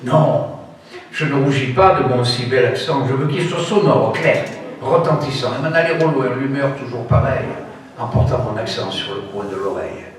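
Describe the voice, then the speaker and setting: A man from Provence with a southern French accent recites verse in a declamatory stage manner. His pitch and loudness swing widely from line to line. The sound is very echoey and distant, picked up from afar at a festival. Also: expressive, normal speed. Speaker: performer reciting a poem. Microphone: distant stage recording. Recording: very echoey, from far off.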